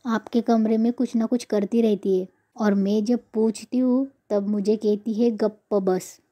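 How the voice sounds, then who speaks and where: A woman's voice: medium pitch, steady tone, measured pace, mellow, natural voice. Woman reading as a tipsy, stubborn young bride. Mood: tipsy, insistent.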